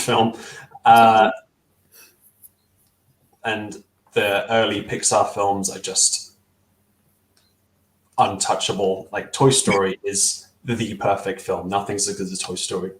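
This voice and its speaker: The guest, a young man who makes stop-motion films, speaks somewhat low in an echoey home room over a rough headset connection. He answers the interviewer loosely, pausing, restarting, and leaning on fillers as he thinks.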